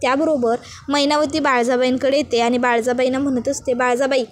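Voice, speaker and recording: A woman's voice: high-pitched, steady tone, a little fast. A woman casually retelling the episode of a TV serial, narrating and quoting each character's lines.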